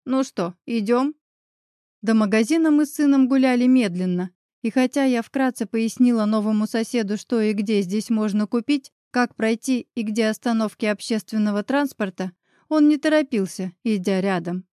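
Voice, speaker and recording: Lady reading an audiobook in first person, calm and even, fairly high voice, dry close mic. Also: moderate pace, no room sound. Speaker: audiobook narrator. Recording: dry close studio sound.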